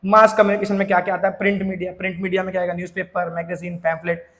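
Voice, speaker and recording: A man's voice: high-pitched, flat delivery, very fast, fairly bright tone, big-room sound. A man teaching a school social science lesson, explaining in a chatty, informal way and mixing in English terms. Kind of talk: classroom lecture.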